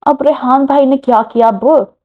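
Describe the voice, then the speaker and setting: Woman voicing a lively matchmaking girlfriend. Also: sits high, normal speed, pitched above the performer's own voice, natural voice. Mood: coaxing. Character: young woman, cheerful matchmaking friend. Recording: muffled lo-fi recording.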